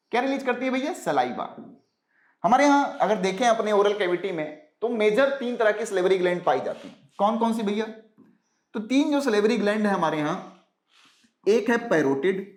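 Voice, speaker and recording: In a reverberant space, a high-voiced man gives an exam-prep biology lesson. He slowly repeats key terms, drops in English scientific words, and poses rhetorical questions that he answers himself.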